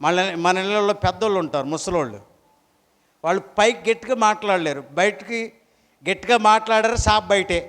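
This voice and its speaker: A man's voice: high-pitched, a little fast, fairly bright tone, long reverb tail. A pastor preaching a sermon, throwing rhetorical questions at his congregation.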